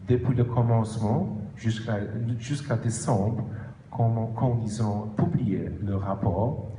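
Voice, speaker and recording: Slow, halting man with foreign-accented French. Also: fairly low pitch, mellow. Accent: foreign, non-native French. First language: not French. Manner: halting, with self-corrections and emphatic stresses. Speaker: author presenting own book. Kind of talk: prepared explanatory presentation. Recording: roomy echo with faint background noise.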